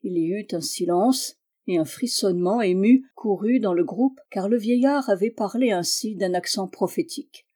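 An audiobook reader with a mid-range voice reads a classic novel aloud, her storytelling measured and even.

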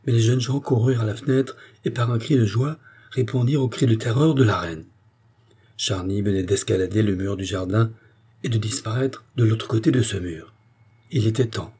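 Low, husky male audiobook narrator. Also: warm tone. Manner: measured literary reading. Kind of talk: scripted narration.

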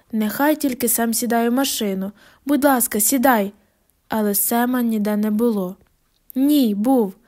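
Woman reading an audiobook, higher voice. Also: darkish tone. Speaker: audiobook reader. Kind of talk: scripted audiobook narration.

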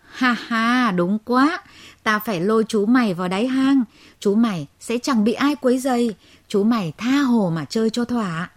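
A woman voicing a gruff old crab who mocks and bullies, in a slow, gloating way. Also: a little high, close to an everyday voice.

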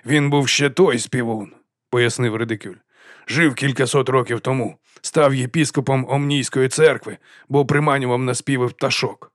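A man voicing a blustering older male archchancellor wizard who rambles at an unhurried pace. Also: medium pitch, fairly even intonation, dry recording, studio quality, natural voice. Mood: musing.

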